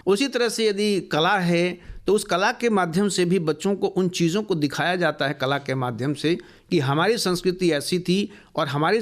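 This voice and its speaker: A man being interviewed in a radio studio, speaking earnestly about education and listing ideas at length. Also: sits high. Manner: earnest, explanatory, builds long lists of values.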